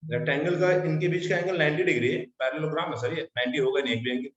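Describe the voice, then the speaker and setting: Man, maths teacher, classroom lecture, slightly high voice, heavy room echo, muffled. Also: racing. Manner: drills students, repeats key terms, asks if they follow. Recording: distant, echoey, muffled classroom recording.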